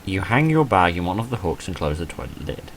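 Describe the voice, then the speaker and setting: A deep-voiced man plays through a visual novel for a let's play, reading its text briskly with big pitch swings. He breaks off for dry, self-mocking remarks, over a little hiss or hum.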